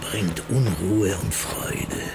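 An actor playing an eerie mystic fortune-teller who speaks of spirits in a slow, portentous drama delivery that sinks into whispers. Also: male voice, fairly low pitch. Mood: solemn, eerie. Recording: loud music under the voice.

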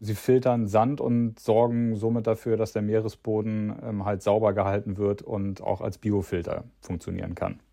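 A man's voice: fairly low pitch, little pitch movement, moderate pace, creaky, hardly any pauses, mellow, no echo, clean studio sound. A man speaking as an expert in an interview, explaining things spontaneously in everyday words. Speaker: reef ecologist interviewed as expert.

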